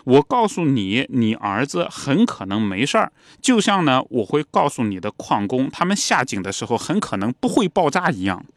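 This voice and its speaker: A man voicing a self-assured male country doctor who speaks calmly with cutting, barbed remarks. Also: medium pitch, moderate pace, few pauses, dry recording. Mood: sardonic.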